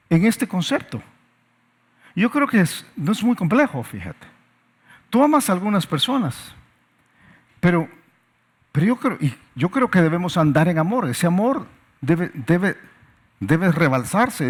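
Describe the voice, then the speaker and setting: A man's voice: high-pitched, very animated, a little slow, long pauses. A male pastor preaching a sermon with emphatic repetitions and rhetorical questions.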